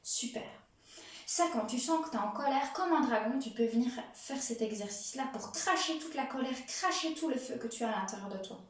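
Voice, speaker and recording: A woman's voice: fairly high pitch, lively intonation, fairly quick. A young adult woman teaching a playful yoga lesson to children, with a sing-song manner that speaks straight to the child. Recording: echoey room, voice from far off.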